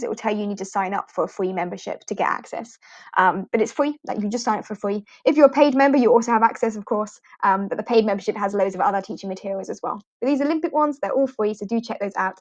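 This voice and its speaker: Hosting a livestream, a UK-based British woman who teaches English online chats her way through a live walkthrough, using fillers and laughing lightly. She has a mid-range voice, recorded dry.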